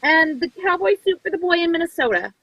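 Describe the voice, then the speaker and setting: A woman's voice: extremely high pitch, lively intonation, fairly quick, very noisy. A woman playing a busy, bossy Mrs. Santa who fussily orders the workshop helpers about in a live radio-play reading. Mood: fussy.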